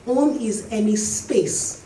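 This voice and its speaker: A woman's voice: a little high, dark tone. Distant woman speaking in an echoey hall. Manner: reflective, emphatic, slows to stress points. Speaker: panel speaker and author. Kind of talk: panel discussion answer. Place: event hall. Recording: echoey hall, distant mic, faint noise.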